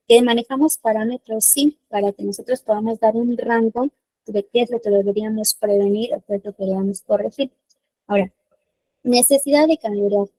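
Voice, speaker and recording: A woman's voice: fairly high pitch, dark tone, dry recording, poor audio. A woman giving a webinar lecture on newborn care, explaining step by step and often checking in with listeners.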